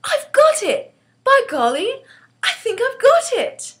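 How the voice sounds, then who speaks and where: A woman voicing an impassioned, determined little orphan girl in a storybook, excitable and insistent. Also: high voice, unhurried, pitched above the performer's own voice, full character voice. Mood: excited. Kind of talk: storybook character voice.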